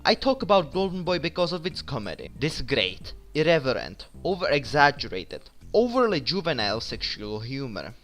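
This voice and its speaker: A man's voice: fairly high pitch, very animated, moderate pace, hardly any pauses, fairly bright tone. Sarcastic man doing a crude comedic review. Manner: sarcastic, crude, mock-dramatic. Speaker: anime reviewer. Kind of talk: comedic anime review voice-over.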